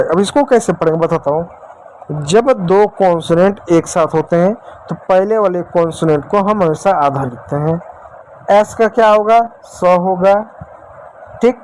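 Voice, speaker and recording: A man's voice: high-pitched, darkish tone, slight background noise, poor audio. A man teaching English spelling and phonics in Hindi, asking questions and answering them himself, repeating each step and calling his viewers dear children.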